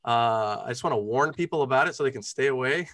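A man's voice: mid-range voice, fast, a bit bright, dry recording. A blunt, crude, sweary man chatting casually as a panelist on a film podcast. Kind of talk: casual chat.

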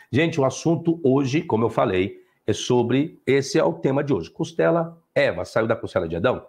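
Lively Brazilian man teaching on a live stream. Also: medium pitch. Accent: Brazilian Portuguese. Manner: lively, lecturing, frequent "tá?" tags. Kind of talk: livestream lecture with viewers.

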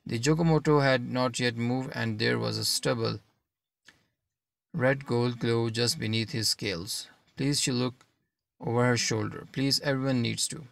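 A man narrating an audiobook in a steady, measured reading. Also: mid-range voice, creaky, no room sound.

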